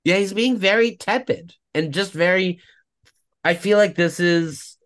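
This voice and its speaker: A man's voice: high-pitched, measured pace, fairly bright tone. Rambling male podcast co-host. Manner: rambling, self-correcting, laughs at own stories. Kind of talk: casual political chat.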